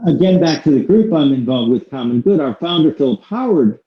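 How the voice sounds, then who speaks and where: With a slightly high voice, lively intonation and a somewhat quick pace, an American podcast host carries a conversational interview in long, wandering turns full of shifting emphasis. The room is echoey and the sound a bit dull.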